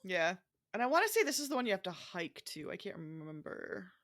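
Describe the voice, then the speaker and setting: A woman co-hosts a casual podcast, answering in short, dry replies. Her pitch moves animatedly even though she sounds unimpressed. The tone is bright and crisp. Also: brisk. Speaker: podcast co-host. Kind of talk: casual chat.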